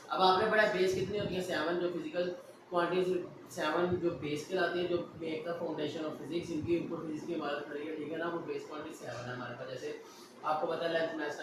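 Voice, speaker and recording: A male physics teacher, lecturing students in a patient, explanatory way and often checking that they follow, slowing down to dictate English definitions. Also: on the high side. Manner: explanatory, repeats checks like "okay, beta", slows down for English definitions. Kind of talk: classroom lecture mixing Hindi-Urdu and English. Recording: echoey room, distant mic, noisy.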